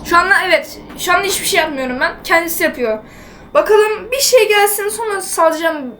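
A woman's voice: very high-pitched, a bit bright, slight background noise. A woman giving casual gameplay commentary, chatting to herself and her viewers while she builds. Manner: chatty, talks to herself while playing, quick exclamations. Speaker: gaming channel host.

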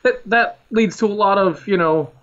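His voice sits high and fairly bright as he speaks at a moderate pace, a man in his thirties from Philadelphia, United States, guesting as a historian on a podcast. He talks earnestly and repeats himself for emphasis, and the recording has its highs cut off.

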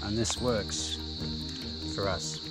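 Slow-talking Australian man at a campsite. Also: fairly low pitch, loud music behind the voice. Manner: relaxed, plain-spoken, unhurried tour guide. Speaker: camping vlogger. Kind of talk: casual walk-through narration. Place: outdoor bush campsite. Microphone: handheld action camera.

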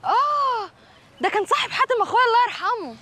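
A curious, chatty young Egyptian woman who asks question after question. Her voice is high and bright and she talks fast. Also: very animated, exaggerated voice. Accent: Egyptian Arabic.

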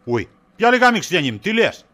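A man's voice: medium pitch, lively intonation, fairly bright tone, natural voice. A man playing a middle-aged friend in a comedy sketch, teasing in a joking way and cagey when questioned. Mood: evasive.

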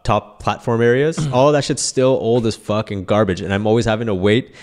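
A man's voice: lowish voice, steady tone, a little fast, a little mellow. A man in his thirties with a Toronto accent, bantering casually and bluntly as a podcast co-host, full of slang and swearing. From Toronto, Canada. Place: small indoor podcast studio. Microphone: close boom-arm podcast microphone.

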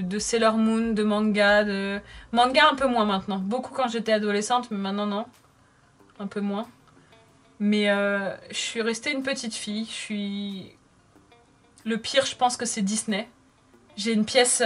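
A woman in her thirties chatting casually while doing her makeup, reading viewer comments aloud and answering them. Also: a little high. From France. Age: 30s. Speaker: makeup vlogger.

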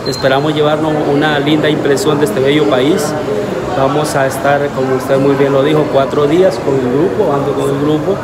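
A man's voice: a little high, fairly even intonation, a little fast, over a noisy crowd, poor audio. A man in his forties from Honduras with a Honduran accent, hosting a casual travel vlog and filming himself on a phone, speaking upbeat to his viewers with many fillers. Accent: Honduran Spanish. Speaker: travel vlogger host. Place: outdoors at a border crossing, then indoors in an office hall. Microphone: phone at arm's length.

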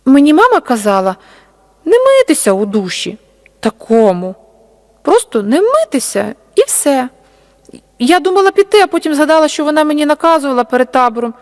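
A woman voicing a small, frightened camp girl who talks in a tearful, halting way. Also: high-pitched, sing-song, a little mellow, in a large hall, pitched above the performer's own voice.

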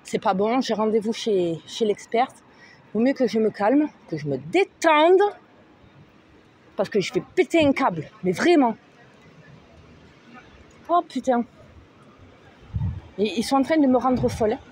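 A woman's voice: on the high side, very animated, unhurried, pauses often, a little mellow, slight background noise. A woman, ranting angrily to camera, heated and agitated, forever asking "hein?". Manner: agitated, heated, talks at the viewer with frequent "hein?". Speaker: mother vlogger. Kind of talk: angry rant to camera. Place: in a vehicle on the road.

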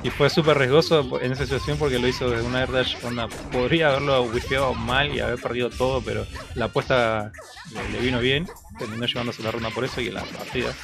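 An Argentine-accented man offers relaxed fighting game commentary in a medium-pitched voice. He talks colloquially and analytically, like chatting, while music plays clearly behind him. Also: quick pace. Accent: Argentine Spanish.

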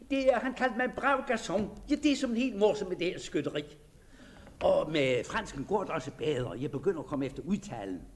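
A man giving a dramatic first-person reading of a diary, talking in a shy, hesitant and dreamy manner that sinks very soft in tender passages. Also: sits high. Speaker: narrator.

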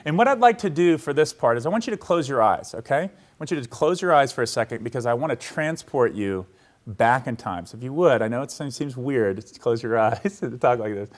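Conversational male lecturer telling a story. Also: mid-range voice. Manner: conversational, keeps checking in with the audience; storytelling, asks listeners to picture a scene. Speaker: university history lecturer. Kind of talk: public lecture to a live audience. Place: lecture hall.

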